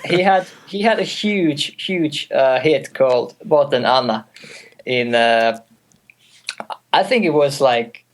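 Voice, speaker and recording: Young Finnish man, twenties, native Finnish speaker, call interview guest, halting and friendly. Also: mid-range voice, expressive, slight background noise. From Finland. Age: 20s. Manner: hesitant, many fillers and restarts, light laughs. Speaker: guest music producer. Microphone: call audio.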